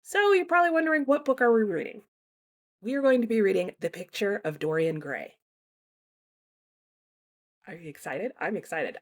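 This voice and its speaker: On her book channel, a young woman chattily announces a readalong, her pitch swinging lively and her speech full of fillers, in the casual style of a booktube host.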